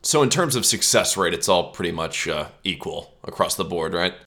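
A man's voice: deep voice, lively intonation, normal speed, pushed and bright. A man hosting a casual podcast with profane, bro-like banter. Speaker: podcast host.

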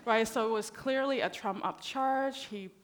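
A woman's voice: on the high side, a little slow. Thai-born woman speaking on a panel. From Thailand. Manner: conversational, frequent "right?" tags. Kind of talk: panel discussion talk.

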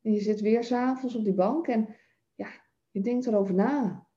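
A woman's voice: on the high side, moderate pace, warm tone, highs cut off. A woman giving a self-help masterclass, talking straight to the listener through everyday examples. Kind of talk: spoken self-help lesson.

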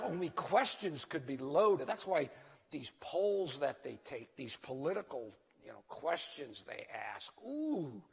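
An older man lectures on religion like a rambling professor, drifting off and circling back with emphatic questions. His voice is husky and swings dramatically up and down. It rings through a large hall with long reverb. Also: high-pitched. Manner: rambling, digressive professor who loses his thread; theatrical, emphatic rhetorical questions. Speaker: lecturing preacher.

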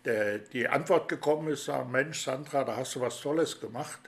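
This interview host has a mid-range voice and talks fairly quickly. In a chatty, radio-like interview, he poses rambling, friendly questions packed with fillers.

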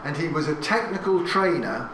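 Speaking about family history to a live audience in a hall, an English man in his sixties has a voice a little high for a man, expressive and at normal speed. He's chatty and anecdotal, adding asides and questioning the crowd. Distant, roomy recording with audience noise.

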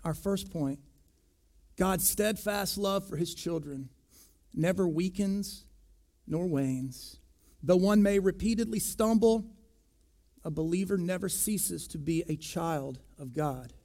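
A pastor preaching a sermon, deliberate and emphatic, pressing hard on key words. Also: male voice, sits high, dark tone.

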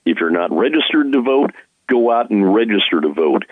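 A man talking casually and haltingly as a radio guest, over a narrow phone-like line. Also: fairly low pitch, sing-song, dry recording. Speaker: radio show guest, gun writer. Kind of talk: casual interview talk. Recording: dull, phone-like band-limited line.

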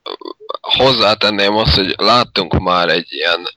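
A man's voice: sits low, pushed and bright, no echo, rough recording. A man casually discussing superhero films with a fellow reviewer, hedging his points with fillers. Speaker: film reviewer co-host. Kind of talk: casual film review chat.

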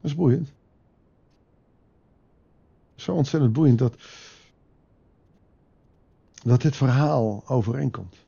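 A man giving a daily Bible meditation, calm and reflective, with pauses and rhetorical questions, on a dull lo-fi recording. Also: mid-range voice, vocal fry, breathy edge. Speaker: devotional speaker.

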